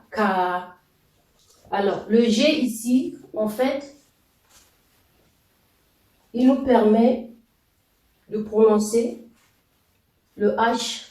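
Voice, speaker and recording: A man teaching a language lesson, explaining slowly and deliberately with pauses and fillers. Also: sits high, dark tone, far from the mic. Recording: echoey room, voice off-mic.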